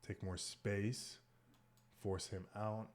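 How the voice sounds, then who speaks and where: A man thinking aloud as he plays online chess, muttering moves and often dropping to a hushed near whisper. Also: lowish voice, level tone, drawn-out words. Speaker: chess streamer.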